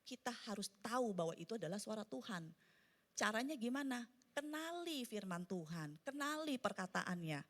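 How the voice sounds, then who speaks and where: A woman's voice: a little high, expressive. Woman preaching a conversational sermon. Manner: conversational, addresses congregation as "saudara"; emphatic, slows down on key points. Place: church service.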